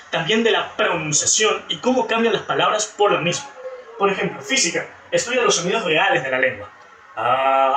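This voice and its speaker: A man's voice: sits high, bright, forceful tone. A man teacher giving a class presentation, explaining with examples and often correcting himself as he goes. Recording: echoey room from a distance with faint music.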